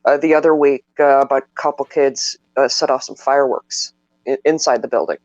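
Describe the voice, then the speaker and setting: A man's voice: mid-range voice, steady tone, a little fast, no room sound, dull audio. A man hosting a casual podcast chat from his apartment, rambling and repeating words as he tells a story. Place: apartment at home.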